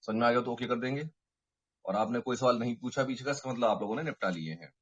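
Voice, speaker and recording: A male mathematics teacher working through a lecture step by step, often stopping to ask his students to confirm they follow. His voice is husky and sits at an ordinary middle pitch. The recording is dull and lo-fi, like a classroom mic. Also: quick pace. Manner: explains step by step, checks in with students; mixes Hindi and English terms. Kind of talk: online math lecture. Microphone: microphone.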